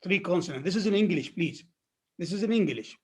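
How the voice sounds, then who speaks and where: A man with a fairly high voice teaches an online phonetics class, switching between English and his native Arabic. He speaks at a very unhurried pace, repeating terms and definitions over and over as he drills them. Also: lively intonation, breathy edge. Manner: slow and repetitive, drilling words and definitions.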